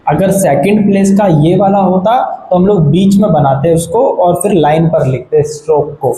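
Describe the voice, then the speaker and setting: Speaking at normal speed in a high-pitched, dark tone, a man explains shorthand at a board one step at a time. He patiently checks in with his students, repeating "ठीक है," while the echoey room carries faint background noise.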